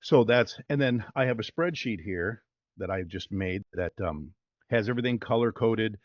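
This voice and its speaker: Low-voiced chatty voice-over man. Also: normal speed, dry recording, dull audio. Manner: relaxed, chatty storytelling with fillers. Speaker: voice-over artist guest. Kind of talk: casual interview chat.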